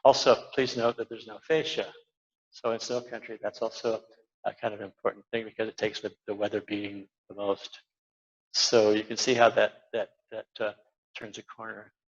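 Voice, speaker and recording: An older architect gives an informal slide lecture in a lecture hall at an awards event, his lowish voice barely moving in pitch at a moderate pace. He rambles, with many fillers and restarts, and the recording is dull and lo-fi.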